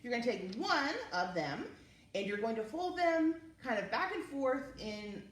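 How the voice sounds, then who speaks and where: Here a woman's animated voice, on the high side and at normal speed, walks young children through each step of a story time and craft session. She keeps it casual and encouraging, and the distant mic catches room echo and faint noise.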